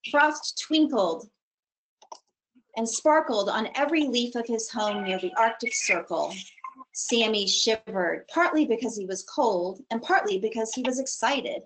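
A woman reading a children's picture book aloud for a storytime, with a lively, expressive delivery. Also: fairly high pitch, normal speed, low-quality recording. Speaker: storytime reader.

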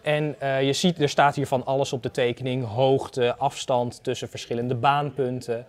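A man's voice: mid-range voice, level tone, normal speed. A man in his thirties giving a conversational technical explanation as an expert guest, didactic and step by step. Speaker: expert guest, data analyst. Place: indoor garden atrium of a university building.

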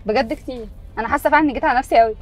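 A woman's voice: high voice, rapid-fire. A woman with an Egyptian accent, driving a car in a prank, teasing and provoking her passengers. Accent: Egyptian Arabic. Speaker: prank driver. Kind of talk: prank banter. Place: inside a car.

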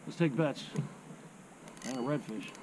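A man fishing from a small boat offshore, joking, cursing and excited as a fish is fought. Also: mid-range voice, a little slow. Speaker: angler. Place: small boat offshore near oil rigs, outdoors. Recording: loud wind and boat noise outdoors.

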